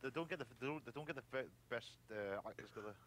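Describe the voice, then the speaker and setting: A man chatting quickly and a little haltingly while gaming with friends, dropping the odd swear word. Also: medium pitch, a bit bright. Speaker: player in a game chat. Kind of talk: casual gaming chat.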